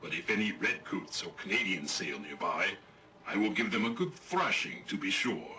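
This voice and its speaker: Stuffy robot navy captain, old-timey posh talk, bright voice, game character. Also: male voice, low voice, normal speed, a little hiss or hum, full character voice. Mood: pompous. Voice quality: theatrical old-time gentlemanly diction. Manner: grandiose, lively commanding delivery. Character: pompous robot naval captain, old-fashioned, commanding. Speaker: ship's captain. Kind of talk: video game dialogue.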